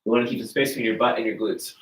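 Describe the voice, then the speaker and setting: Talking very fast at medium pitch, a stuffy-nosed male fitness coach leads a live-streamed workout, demonstrating floor stretches in an easy, friendly way. A camera mic picks him up from across the room, and his voice echoes roomily around a bare garage gym.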